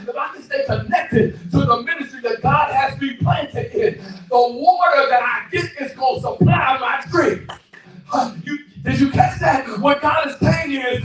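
A middle-aged male guest pastor preaching a sermon with a handheld mic in a small church hall, calling for responses and shouting exclamations. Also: very high-pitched. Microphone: handheld mic, far camera. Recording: echoey hall from far off, faint music.

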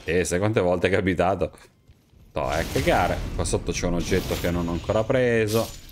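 Very low-voiced man swearing through a game. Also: moderate pace. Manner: slangy, crude, swearing, jokey. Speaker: streamer playing a video game. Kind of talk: casual gameplay commentary. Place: small room at home, webcam stream. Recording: clear steady background noise.

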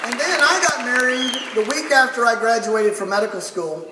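A man with a high voice delivers a folksy talk from a podium on a theater stage. He is heard from far back in the hall, with long echo. A loud crowd and noise surround him. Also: normal speed. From Texas. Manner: folksy, building a repeated punchline. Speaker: family doctor introducing a speaker. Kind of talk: public speech at a town hall. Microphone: podium mic, recorded by a far audience camera.

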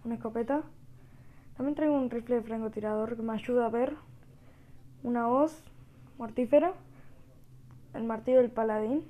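A woman with a Rioplatense Spanish accent giving gameplay commentary, talking quietly and joking as she reacts to the game. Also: fairly high pitch, brisk, pauses often. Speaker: gamer.

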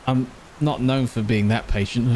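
A man giving playful game commentary, talking to himself and breaking into silly high yelps. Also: fairly even intonation, slow pace, mellow, slight background noise. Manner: joking, talks to himself, sudden high yelps. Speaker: gaming streamer. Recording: game music behind the voice.

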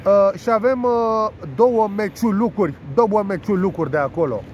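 A high-voiced man, nasal and congested with a cold, rambles through his betting picks with crude jokes, swearing and playful made-up words. He is recorded outdoors, with faint city traffic noise behind him. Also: darkish tone. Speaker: sports betting tipster. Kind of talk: casual monologue presenting betting tips.

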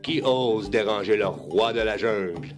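A man voicing a big proud male lion king in a storybook, gruff and commanding. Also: fairly low pitch, fairly even intonation, measured pace, over music, lightly acted. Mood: stern.

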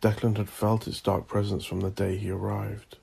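In a gravelly, husky voice pitched fairly low, a man narrates scripted horror fiction with ominous, deliberate theatricality, keeping his tone level and dark.

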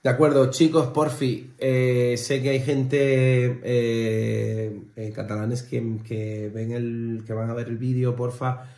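A young man from Spain, a native Spanish speaker, co-hosts a reaction video, chatting casually and rambling with lots of fillers and restarts. His medium-pitched voice is mellow, with little pitch movement, a slow pace, and few pauses. He's recorded by a fixed camera on a desk in a living room at home, with roomy home echo.

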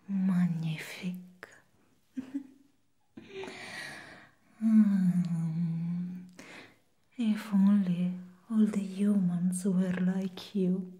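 Playing a seductive she-devil in a whispered scene, a woman teases and flatters, coaxing like a temptress luring a human. The demonic whisper is very slow, soft, dark, low-pitched and breathy.

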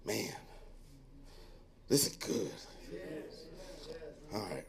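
A male pastor preaching a sermon in an animated, joking way, acting out onlookers' voices and then dropping to a quiet tone to exhort. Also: very slow, creaky, over a noisy crowd. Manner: drops to a low, quiet tone when reading and exhorting.

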